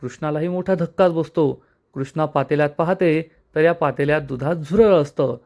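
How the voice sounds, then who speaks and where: A man's voice: fairly high pitch, normal speed, darkish tone. A man recapping a TV serial episode in a dramatic storytelling manner.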